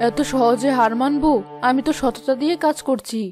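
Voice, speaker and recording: A woman's voice: sits high, fairly quick, lightly acted. A woman voicing a steadfast village mother. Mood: sincere. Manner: sincere, steadfast. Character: honest determined village mother, vegetable seller. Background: background music.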